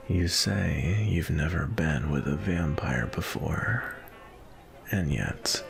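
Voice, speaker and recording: Sebastian, a deep, gravelly vampire acted by a man. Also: full character voice. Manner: polite, unhurried, flirtatious. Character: suave, courteous, centuries-old male vampire on a date. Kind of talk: ASMR roleplay, intimate and softly spoken.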